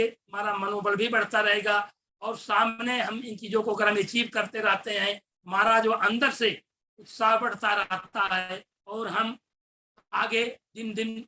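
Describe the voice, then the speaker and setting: A man's voice: high voice, flat delivery, a little slow, sharp tone, a little hiss or hum. A man who is a teacher gives a motivational business talk in an eastern Uttar Pradesh Hindi accent, explaining earnestly and repeating phrases for emphasis. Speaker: teacher and network marketer.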